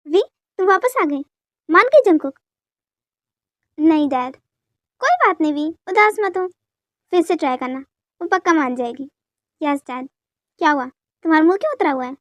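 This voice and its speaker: A woman voicing a middle-aged father who speaks gently and reassures his son and wife, in a dubbed fan story. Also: high-pitched, normal speed, long pauses, no room sound. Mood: calm. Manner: gentle, steady.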